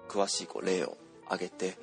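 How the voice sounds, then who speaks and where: A man teaching pronunciation, explaining slowly with many drawn-out fillers and repeating example words aloud. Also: low voice, level tone, creaky, over music. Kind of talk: explanatory lesson, casual spoken.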